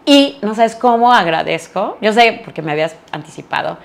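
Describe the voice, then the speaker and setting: Middle-aged actress guest, lively storyteller, acts out her quotes. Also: medium pitch, fairly quick, creaky. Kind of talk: casual interview chat.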